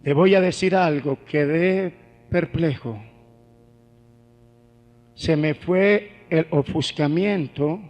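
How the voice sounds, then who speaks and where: A man preaching a sermon in a dramatic storytelling manner, shifting between quick bursts and slow, hushed lines. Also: fairly high pitch, lo-fi sound. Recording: echoey old sermon recording in a hall.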